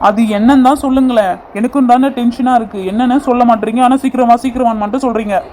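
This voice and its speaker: ஒருவர் கார்ட்டூனில் கணவரிடம் கவலையோடு கெஞ்சும் பக்தியான இளம் மனைவிக்குக் குரல் கொடுக்கிறார். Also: male voice, very high-pitched, fairly even intonation, fast talker, dark tone, a little hiss or hum. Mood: fretful. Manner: pleading, fretful. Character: worried devoted young wife Pushpa. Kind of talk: cartoon voice acting.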